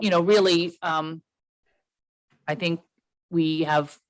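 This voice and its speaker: A woman chairing a council meeting as mayor, brisk and informal, with filler words. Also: deep voice, no room sound.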